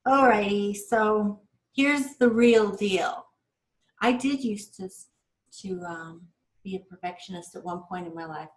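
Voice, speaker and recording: A woman co-hosting a casual self-growth chat, reflective, with many pauses and fillers. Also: mid-range voice, low-quality recording. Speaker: co-host.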